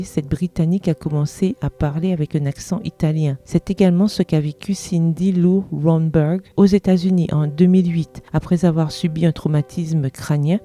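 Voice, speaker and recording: Low, very dark female reader, measured earnest devotional delivery. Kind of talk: read devotional meditation.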